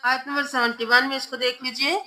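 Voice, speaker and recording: A woman teaching Quran reading, spelling out letters and slowly chanting each word, patient and repetitive. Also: sits high, level tone, pushed and bright. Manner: patient, repeats words slowly with drawn-out chanting.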